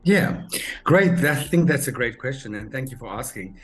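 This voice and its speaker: A South African man in his forties, a recruitment manager answering podcast interview questions in a measured way, with many ums and uhs. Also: medium pitch, lively intonation, faint music behind. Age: 40s.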